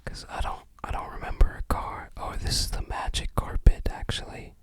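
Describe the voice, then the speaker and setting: In a dry recording, an ASMR host speaks in a gentle, breath-only whisper. The tone is casual and musing, like an unhurried unboxing, with remarks offered tentatively as quiet thinking aloud.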